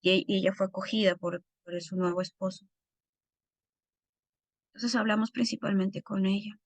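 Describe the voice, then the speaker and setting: A woman's voice: medium pitch, fairly even intonation, normal speed, no room sound. A middle-aged woman teaching a recorded Bible course, speaking earnestly and directly to her listeners.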